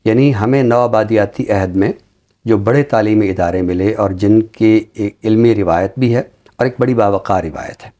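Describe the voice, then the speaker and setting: A middle-aged Pakistani man, a talk show host who also teaches at a university, offers conversational literary commentary in formal, carefully chosen words. His voice is lowish and mellow, with the highs cut off, and his manner is formal and deliberate.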